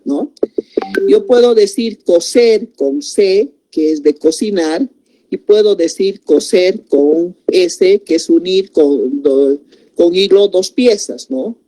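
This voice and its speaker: A woman explains spelling in a slow lesson, repeating words and checking in with tag questions. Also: fairly low pitch, dark tone. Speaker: teacher.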